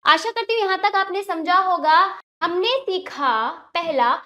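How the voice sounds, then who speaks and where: A woman teaches children in a very high voice. She goes slowly and carefully, repeating each sound so they can follow. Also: animated, sharp tone, lo-fi sound. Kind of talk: children's grammar lesson.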